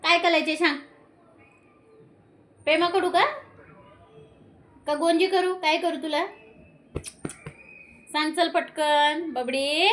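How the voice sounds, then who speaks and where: Woman, high-pitched, slow, coaxing baby talk to her cat; sing-song, questioning delivery. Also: a bit bright, slight background noise. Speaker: cat owner.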